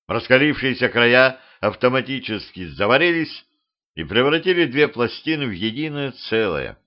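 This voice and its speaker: Expressive male narrator for a homemade comic audiobook, slightly dull lo-fi sound. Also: medium pitch, smooth. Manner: lively, expressive reading. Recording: dull lo-fi home recording.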